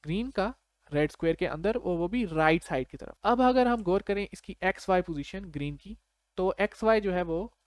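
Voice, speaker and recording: Animated and at a normal speed, a Pakistani programming tutor talks conversationally through each step, regularly asking brief questions to check in. His slightly high voice is clear and resonant, and the close, dry recording has no room sound.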